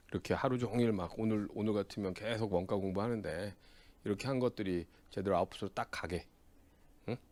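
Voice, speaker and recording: A man's voice: on the low side, no room sound. A man lecturing exam-prep students, telling personal stories in a blunt, teasing way and tagging his sentences with a questioning "eh?". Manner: acts out quoted dialogue in lively voices.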